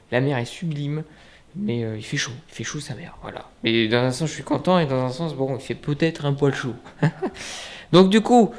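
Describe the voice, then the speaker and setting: A man chatting casually as he films a tour of a holiday apartment, joking and filling pauses with hesitations. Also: mid-range voice, a little mellow. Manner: chatty, joking, many fillers. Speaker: vlogger. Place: indoors and on a balcony.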